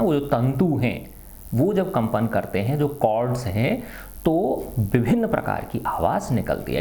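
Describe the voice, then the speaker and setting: Gravelly middle-aged guy teaching science, warm low-key voice, asks then answers his own questions, faint music behind. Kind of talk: classroom lecture to students.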